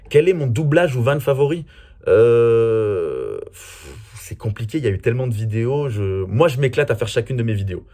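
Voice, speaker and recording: Chatty, self-mocking man with a husky voice. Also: mid-range voice, a little mellow. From France. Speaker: comedy video creator. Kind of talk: casual Q&A vlog.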